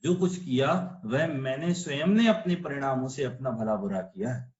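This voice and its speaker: A man's voice: medium pitch, lively intonation, moderate pace, darkish tone, roomy sound, lo-fi sound. A man teaching an online religious philosophy class, explaining patiently and asking rhetorical questions. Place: online video call class.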